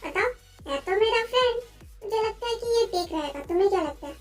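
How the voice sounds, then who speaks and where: A woman's voice: very high-pitched, lively intonation, a little fast, faint music behind. A woman voicing a bold young woman in love in a read-aloud story, teasing and questioning. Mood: scolding. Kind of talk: storybook reading.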